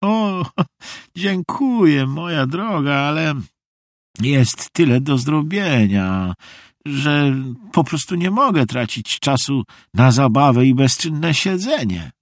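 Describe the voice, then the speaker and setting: A man reading an audiobook, voicing an eccentric, cheerful old woman stranger in a high, slow, drawn-out voice. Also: animated, no room sound, clean studio sound. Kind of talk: audiobook character voice.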